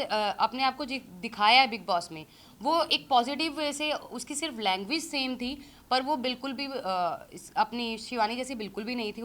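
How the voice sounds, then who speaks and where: A woman in her thirties, an interview guest, giving critical views in a measured, hesitant way. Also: fairly high pitch, a bit bright. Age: 30s. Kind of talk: casual interview talk.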